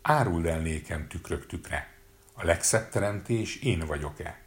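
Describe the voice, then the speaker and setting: A man's voice: sits low, lively intonation. A man voicing a wicked, vain queen who shrieks in rage in a storybook reading. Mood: vain, furious.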